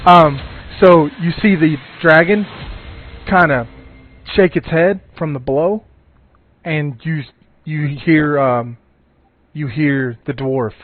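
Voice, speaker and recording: A man's voice: on the high side, takes it slowly, pauses often. A man narrating a tabletop game as game master, describing the scene in a loose, storytelling way with frequent restarts. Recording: phone-like audio with faint music.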